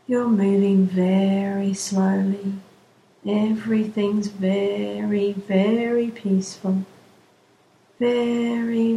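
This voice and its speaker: A woman slowly leading a guided relaxation session in a soothing, drawn-out way. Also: medium pitch, dark tone, slight background noise. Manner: slow, soothing, drawn-out phrasing. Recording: roomy echo, faint background ambience.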